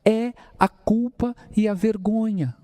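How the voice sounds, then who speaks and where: A man's voice: high-pitched, slow pace, no room sound, clean studio sound. A man with a Brazilian accent from the São Paulo interior, giving a spiritist lecture and calling the audience brothers, with many rhetorical questions. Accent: Brazilian Portuguese, São Paulo interior. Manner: lively preaching, addresses audience as brothers, asks rhetorical questions. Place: spiritist center hall.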